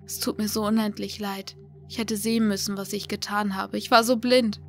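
A terrified, remorseful captive man, as a woman reads him speaks in a choked, breathy plea. The delivery stays flat and level, with little rise and fall. Soft music lingers underneath. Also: mid-range voice, normal speed, natural voice. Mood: tearful.

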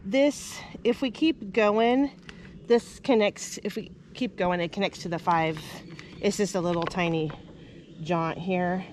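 A woman's voice: mid-range voice, measured pace, a little mellow, slight background noise. A woman in her forties chatting casually while hiking, laughing often, recorded on a handheld camera outdoors. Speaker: RV travel vlogger. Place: outdoors on a forest trail. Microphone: handheld camera at arm's length.

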